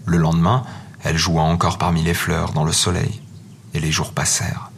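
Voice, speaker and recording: A man narrating a fairy tale as a storybook reading, in a gentle, measured manner. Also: low-pitched, completely flat delivery, vocal fry, a little hiss or hum. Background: faint music.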